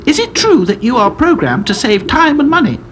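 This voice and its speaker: A spirited young rag doll girl voiced by a man, full of quick ideas. The voice is pushed very high and eager, with lively leaps. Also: background noise.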